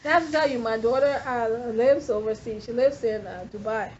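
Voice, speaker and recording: A woman in her fifties giving a lively classroom lecture, quizzing her students as a nursing instructor. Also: a little high, brisk, a loud crowd. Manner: animated, questioning the class. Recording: dull lo-fi classroom recording with faint noise.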